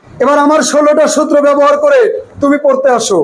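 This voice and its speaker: A man teaching English pronunciation to a class, speaking in playful rhymes and calling out drills loudly. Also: very high-pitched, level tone, fast talker, poor audio. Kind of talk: classroom teaching, loud and rhyming. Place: classroom with students.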